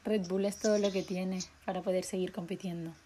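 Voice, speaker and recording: A young woman, co-hosting a podcast in casual, excitable chat and laughing often. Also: on the low side, fairly quick, a little hiss or hum. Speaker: podcast co-host.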